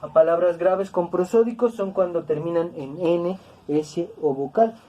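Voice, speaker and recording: A woman teaching a grammar lesson, speaking slowly and deliberately, repeating words to stress each syllable. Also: on the low side, mellow. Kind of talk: classroom-style grammar lesson.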